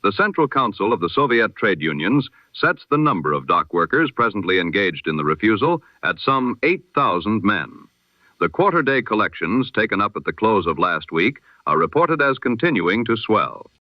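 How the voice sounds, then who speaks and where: With a lowish voice, big pitch swings and a normal speed, a man reads out a scripted news bulletin in the manner of a 1920s radio announcer. He is formal, solemn and rhetorical; there's no echo, but an old radio filter makes it sound dull and lo-fi.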